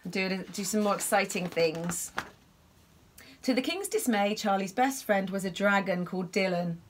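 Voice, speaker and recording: Woman storyteller, bedtime read-aloud for kids, expressive, chatty asides to the listener. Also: medium pitch, moderate pace, a little hiss or hum. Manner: expressive, gasping, asks the listener questions about the pictures.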